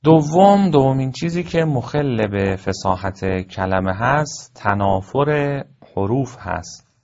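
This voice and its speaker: A man teaching a formal lecture, explaining point by point in a measured way with frequent pauses. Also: medium pitch, expressive, darkish tone. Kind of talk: recorded classroom lecture. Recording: dull lo-fi recording.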